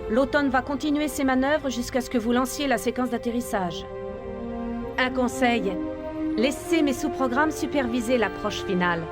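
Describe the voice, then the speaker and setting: Actress doing sassy ship ai lady in a video game, highish voice, confident, music behind. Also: normal speed, close to an everyday voice. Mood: wry, confident. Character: female ship artificial intelligence, wry and self-assured. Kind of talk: dramatic video game dialogue.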